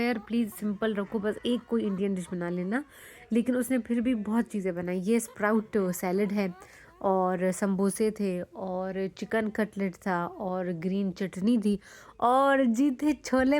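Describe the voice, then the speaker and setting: Chatty Pakistani woman vlogging casually. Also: mid-range voice. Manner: chatty, animated storytelling with many fillers. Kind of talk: casual vlog narration.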